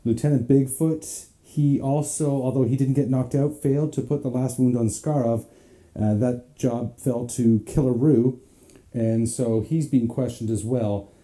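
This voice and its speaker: A man's voice: mid-range voice, steady tone, a little slow, mellow. A man narrating a solo board game campaign, counting dice aloud in a chatty, self-mocking way. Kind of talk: casual play-through narration.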